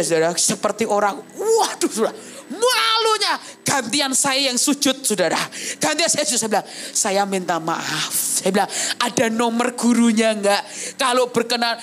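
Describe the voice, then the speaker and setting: A young adult woman evangelist giving a sermon at a church service. She tells her own story in a vivid, animated way and keeps turning to address the congregation. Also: fairly high pitch, a little hiss or hum. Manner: animated storytelling, often addressing listeners as brothers and sisters. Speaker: evangelist preacher. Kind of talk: testimony sermon.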